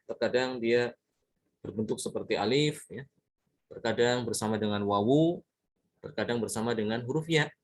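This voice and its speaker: Patient man teaching recitation. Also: medium pitch. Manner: patient, repeats words and examples with many "ya" checks. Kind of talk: tajwid lesson explaining examples.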